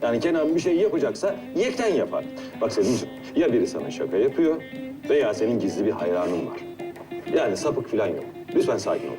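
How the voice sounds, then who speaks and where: Here is an actor playing a calm older-brother figure in a TV drama who soothes and reasons. His speech is quick, with a lively pitch, and he sounds a bit far from the mic. Music plays behind him. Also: natural voice. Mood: reassuring. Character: calm, reassuring senior man like an older brother. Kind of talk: TV series acting.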